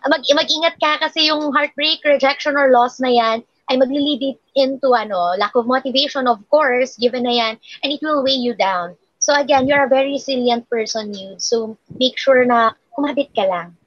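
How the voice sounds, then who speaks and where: A woman's voice: sits high, normal speed, fairly bright tone, no echo. Chatty woman reading tarot, lo-fi. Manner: chatty, laughs often, mixes Tagalog and English. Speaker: tarot reader host of a live stream. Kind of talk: casual live-stream chat, tarot reading.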